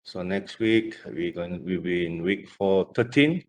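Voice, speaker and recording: A male lecturer with a very low voice speaks slowly and unhurriedly. He runs through class announcements with plenty of pauses and fillers. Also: expressive. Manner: halting, with frequent fillers.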